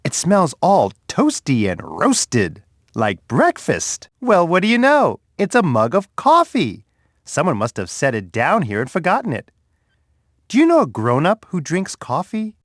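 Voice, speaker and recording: Bear, a wildly expressive friendly bear. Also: male voice, on the high side, a little slow, no room sound, clean studio sound, heavily acted. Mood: excited, delighted. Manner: expressive, sing-song, speaking to young children. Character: big friendly male bear, gentle, curious, childlike wonder. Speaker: children's game character. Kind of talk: children's edutainment game voice lines.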